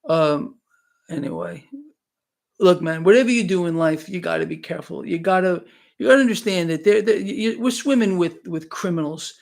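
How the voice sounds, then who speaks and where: Fervent man near sixty, high voice. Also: moderate pace, vocal fry, darkish tone. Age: 50s. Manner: fervent, preachy, repeats himself, many restarts. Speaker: financial livestream host. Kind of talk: unscripted live-stream commentary, reading chat.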